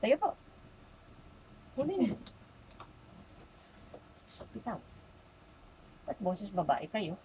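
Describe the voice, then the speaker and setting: A woman's voice: mid-range voice, big pitch swings, very slow, pauses often, noisy background. Insistent woman healer questioning a spirit. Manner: insistent, repeating short questions. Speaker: folk healer. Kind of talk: exorcism interrogation.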